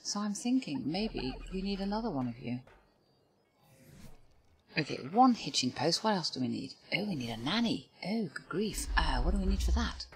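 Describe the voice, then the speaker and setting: A woman's voice: on the low side, big pitch swings, moderate pace, slightly rough. An older woman chatting casually to the creatures in her game as she plays and comments, with frequent exclamations and sighs. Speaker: gaming video host. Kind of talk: casual let's-play commentary. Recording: game music playing behind.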